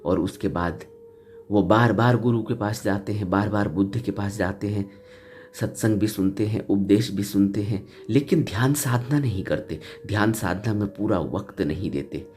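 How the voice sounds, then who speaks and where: A man giving an earnest spiritual discourse, retelling a teaching story and repeating phrases for emphasis. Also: moderate pace. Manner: earnest, repeats phrases for emphasis, rises in pitch for key points. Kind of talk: Hindi dharma discourse retelling a Buddhist story. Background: soft flute music.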